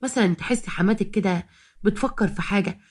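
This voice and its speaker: Woman narrator as a sarcastic, scheming Egyptian daughter-in-law, fast. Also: medium pitch, lightly acted. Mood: prying. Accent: Egyptian Arabic. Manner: defiant, sarcastic. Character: scheming young Egyptian wife, quarrelsome.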